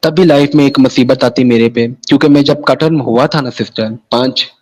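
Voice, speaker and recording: A man's voice: mid-range voice, moderate pace, low-quality recording. A man from Pakistan, telling his personal story in an interview in a rambling way, often repeating the same tag phrases. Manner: rambling, keeps repeating "sahi hai na" and restarting phrases. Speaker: interview guest.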